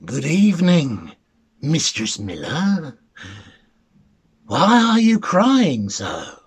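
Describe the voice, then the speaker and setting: A man's voice: fairly high pitch, huge pitch swings, very slow, husky, full character voice. Man putting on a sly, drawling little imp. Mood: curious, greeting. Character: bargaining little mannikin, crafty male imp. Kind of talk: storybook character reading.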